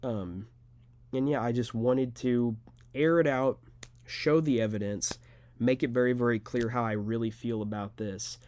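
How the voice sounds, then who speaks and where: A man's voice: mid-range voice, steady tone, unhurried, a little mellow. A young man, an amateur fighter, talking straight to camera in an unedited, rambling monologue full of filler words. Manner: rambling, earnest, filler-heavy.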